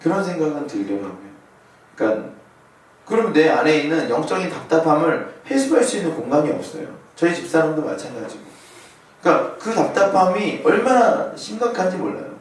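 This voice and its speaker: A man's voice: on the high side, very animated, a little fast. A man in his thirties preaching a sermon as a pastor, telling a personal story and putting questions to the congregation. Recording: very echoey hall, voice from far off.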